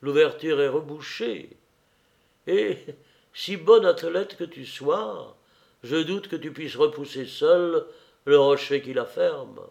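A man's voice: fairly high pitch, creaky, darkish tone, voice pushed up. A man doing a cold vengeful young eunuch. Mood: mocking. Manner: cold, slow delivery.

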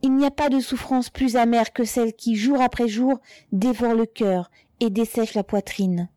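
A woman voicing a hoarse, defiant old mother. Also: fairly high pitch, fairly even intonation, moderate pace, warm tone, no echo, pitched above the performer's own voice, close to an everyday voice. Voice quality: hoarse, strained cries. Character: defiant aging mother shouting at gendarmes.

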